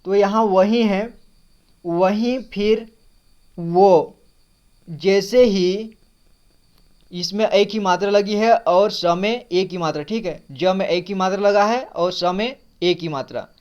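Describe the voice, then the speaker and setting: Brief: male reading teacher, high and smooth voice, slightly muffled recording. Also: slow pace, a little mellow. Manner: breaks words into letters and vowel signs, repeats often. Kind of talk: slow word-by-word reading lesson. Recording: slightly dull lo-fi sound.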